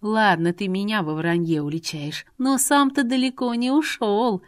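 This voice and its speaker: A woman voicing a haughty, jealous woman who speaks in a mocking, hissing, sharp-tongued way. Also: medium pitch, moderate pace, no room sound, studio quality, pitched above the performer's own voice, lightly acted. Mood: indignant.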